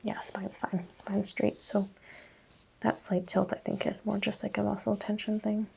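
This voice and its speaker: Gravelly whispering woman doing medical ASMR. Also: mid-range voice, unhurried. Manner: soft, calm, clinical bedside whisper. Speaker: ASMR roleplay doctor.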